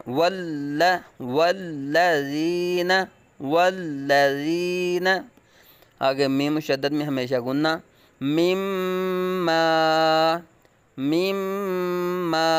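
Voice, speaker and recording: Male Quran recitation teacher, Pakistani Urdu accent, very smooth resonant tone, slow spelled-out drills with fast asides. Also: dry recording. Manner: spells letters slowly and loudly, then explains in a rapid low voice.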